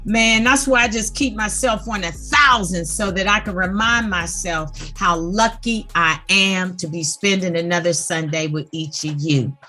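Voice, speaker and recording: Woman podcast host, unhurried and bright, friendly casual banter over a video call. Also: on the low side, faint music behind. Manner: upbeat, friendly, slang-heavy. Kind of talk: casual interview chat.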